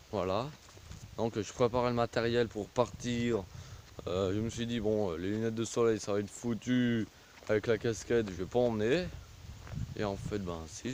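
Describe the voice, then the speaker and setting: Slow, rambling man outdoors. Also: fairly low pitch, darkish tone. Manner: hesitant, full of fillers and trailing "voilà, hein". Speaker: vlogger. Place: outdoors on a country path in a village. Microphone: phone on a pole held while walking. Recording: faint rural outdoor noise.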